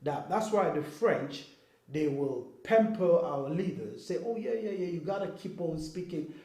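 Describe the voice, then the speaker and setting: With a slightly high, warm voice and lively intonation, a Congolese man from Kinshasa speaks unhurriedly in an explanatory interview. He's earnest and keeps asking "okay?" or "you know what I mean?", his words echoing around the room.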